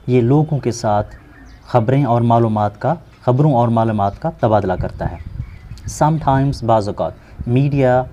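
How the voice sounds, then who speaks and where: Mellow-voiced man teaching English. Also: mid-range voice. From Pakistan. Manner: slow, explanatory, repeats words and gives synonyms. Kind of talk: English lesson, translating word by word.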